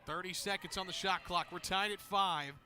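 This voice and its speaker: Bright and forceful, this American man's high voice keeps a steady tone at a normal speed as he does live play-by-play sports commentary. Clear outdoor stadium noise from the game sounds behind him.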